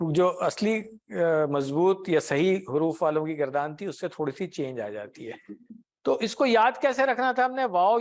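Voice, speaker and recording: A man teaching Arabic grammar in an Urdu classroom lecture, patiently explaining with everyday examples and asking the class questions. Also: sits high. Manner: often ends points with a tag question.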